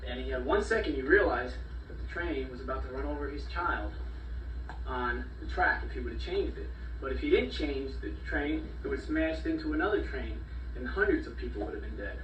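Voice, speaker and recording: A man's voice: on the high side, fairly bright tone. A man preaching a parable in earnest storytelling bursts, heard on an old VHS home video recording. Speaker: lay preacher. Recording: echoey room, distant mic, faint tape hiss.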